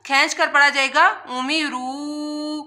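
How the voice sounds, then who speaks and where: In a tajweed lesson, a woman teaches Quran recitation word by word, spelling out the letters before chanting each word slowly and drawn out. Quick explanations come in between. Her voice is high-pitched and bright, with fairly even intonation and a forceful tone.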